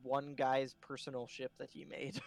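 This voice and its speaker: A man's voice: mid-range voice, completely flat delivery, a little slow, creaky. A man with a cold co-hosting a casual gaming podcast, giving short, laid-back replies. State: has a cold. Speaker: podcast co-host.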